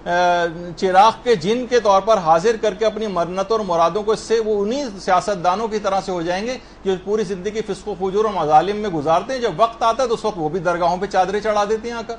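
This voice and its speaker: High-voiced man giving a religious lesson. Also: few pauses, a little hiss or hum. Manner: earnest, explanatory, demonstrates pronunciation. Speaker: religious teacher. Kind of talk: lecture on prayer to a female audience.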